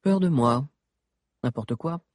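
A man's voice: medium pitch, animated, slow, darkish tone, no echo, clean studio sound, pitched above the performer's own voice. A man voicing a wary, scornful teenage wolf girl in an audiobook, curt and dismissive.

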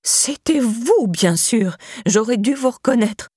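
A woman voicing a suspicious, curt elderly female neighbor in an audiobook, with a sharp, accusing manner. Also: a little high, expressive, takes it slowly, breathy edge, no room sound, clean studio sound, voice pushed up, full character voice. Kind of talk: audiobook character voice.

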